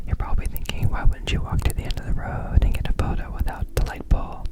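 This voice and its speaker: A man speaks entirely in a soft ASMR whisper, with no voiced tone at all. He rambles as the host, lingering on words and repeating them, close up at the microphone as if from ear to ear. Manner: repeats words and phrases slowly.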